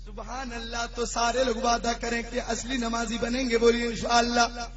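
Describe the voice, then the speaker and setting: ایک مولانا جو مزاحیہ قصے سنا کر وعظ کرتے ہیں اور جوش میں آ کر بلند آواز سے پکارتے ہیں، سامعین سے جواب بھی منگواتے ہیں۔. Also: male voice, extremely high pitch, completely flat delivery, highs cut off. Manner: storytelling, rising to fervent shouted climaxes; urges the audience to respond. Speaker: preacher. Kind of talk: sermon with humorous anecdotes.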